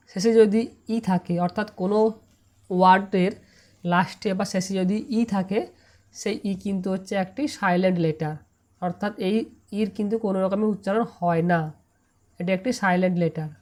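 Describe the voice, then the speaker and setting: A woman with a Bengali accent teaching English pronunciation in an online lesson, spelling out letters and repeating each syllable slowly. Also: medium pitch, fairly even intonation, a little mellow.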